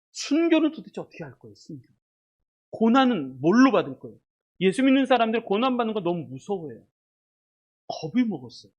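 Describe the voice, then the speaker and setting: Animated preacher with sweeping pitch. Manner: dramatic, swings between loud emphasis and hushed asides; repeats key words for emphasis. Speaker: pastor. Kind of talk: sermon.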